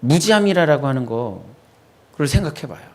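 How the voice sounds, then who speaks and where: A male pastor preaching a midweek church sermon in a plain, mid-pitched voice. He talks it through with the congregation, tossing quick questions out to the pews. When he recalls his own prayers, he sinks into a soft, low murmur. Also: very animated. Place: church sanctuary.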